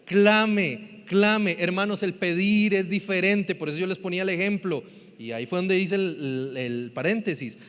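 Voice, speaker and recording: A man preaching with a high, bright voice, theatrical and expressive. He swings between loud, pleading cries and quiet, almost whispered passages. His voice rings out with a long reverb from a church hall. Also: normal speed, clear, resonant tone. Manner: dramatic, acts out quoted voices. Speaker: pastor. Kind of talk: sermon.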